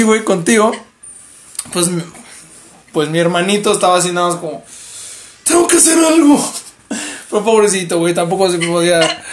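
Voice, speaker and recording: A young Mexican man hosts a livestream, speaking Spanish with a Mexican accent in a loose, gossipy chat. His voice sits high for a man, and he gets animated as he retells stories. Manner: animated, acts out others in high mimicking voices. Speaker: livestream host.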